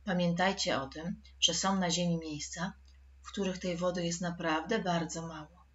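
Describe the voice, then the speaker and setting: A woman's voice: lowish voice, fairly even intonation, normal speed, fairly bright tone, highs cut off. A woman teaching a recorded school lesson for children, patient and addressing the pupils directly.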